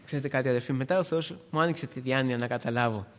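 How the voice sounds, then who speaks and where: A man of about forty with a medium-pitched voice preaches a sermon in a large hall, swinging from hushed words to loud, emphatic pleas. He repeats phrases and uses many filler "eh"s.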